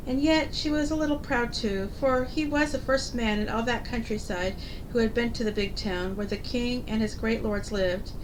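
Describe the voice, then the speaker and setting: A woman reading a fairy tale aloud as a storyteller, in the manner of a fairy tale opening. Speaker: host reading stories aloud. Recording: loud low rumbling background noise.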